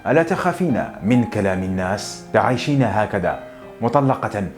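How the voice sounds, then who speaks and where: A man's voice: on the low side, lively intonation, a little fast, soft background music, lightly acted. A man reading a conventional young engineer. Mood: earnest. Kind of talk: audiobook narration.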